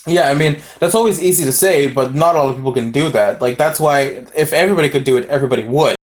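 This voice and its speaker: Male discussion guest, Aruban accent, mid-pitched. Casual, reflective, reasons aloud with repeated sentence starts. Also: fast.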